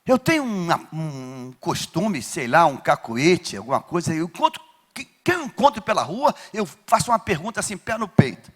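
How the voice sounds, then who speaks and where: Um pastor de Rio de pregando um sermão com fervor, chamando a congregação a responder e subindo a voz em gritos. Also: male voice, sits high, very animated, normal speed. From Brazil. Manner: fervent preaching, rising to shouts, call-and-response with the congregation. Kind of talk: sermon. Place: church.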